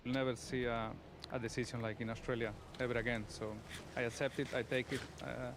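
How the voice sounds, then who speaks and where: A man, a racing driver, answering press conference questions haltingly with many fillers and repeated words. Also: medium pitch, flat delivery, background noise.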